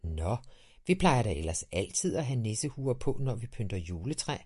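A man's voice: medium pitch, very animated, warm tone, breathy edge. A man voicing a cheerful, festive father in a children's audiobook, talking in a jolly, coaxing way.

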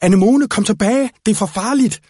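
A man's voice: medium pitch, darkish tone, husky, no echo, clean studio sound, lightly acted. A man voicing an eager, earnest young male knight in a read-aloud storybook. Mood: shouting.

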